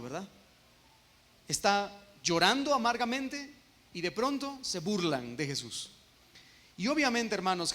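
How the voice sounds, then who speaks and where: A man with a Guatemalan Spanish accent preaching an expository sermon as pastor, emphatic and slowing down on key phrases. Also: high-pitched, fairly bright tone. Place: church sanctuary. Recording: long reverb of a church hall.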